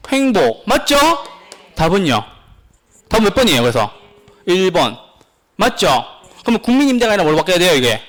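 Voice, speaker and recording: A man teaching a real estate exam prep class, lively and insistent, constantly quizzing his students with questions. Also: high voice, brisk, pauses often. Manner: pleading, insistent.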